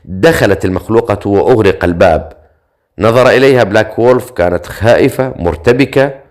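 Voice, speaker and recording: Brief: male narrator, lowish voice, dramatic paced storytelling. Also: brisk. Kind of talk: reading a dark fantasy novel aloud.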